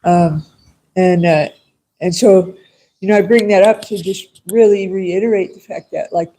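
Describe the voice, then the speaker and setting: A man's voice: high voice, steady tone, a little slow, warm tone, poor audio. A man sharing a casual, rambling reflection as a participant in a class, speaking informally.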